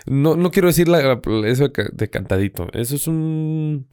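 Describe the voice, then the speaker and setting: A man's voice: fairly high pitch, expressive, normal speed, darkish tone, clear, resonant tone. Blunt, swearing young Mexican man. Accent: Zacatecas Mexican Spanish. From Zacatecas, Mexico. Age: young adult. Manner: blunt, swears freely, laughs often. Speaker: podcast co-host. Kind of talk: casual chat.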